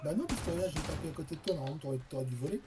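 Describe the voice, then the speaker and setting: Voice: medium pitch, expressive, racing. A co-op gaming partner talking tersely in a casual chat and swearing when frustrated.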